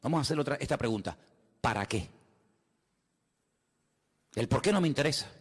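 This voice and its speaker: A man's voice: mid-range voice, expressive, rapid-fire, slightly rough. Man preaching in a reverberant hall. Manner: dramatic preaching with acted-out quotes. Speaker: pastor. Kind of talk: sermon.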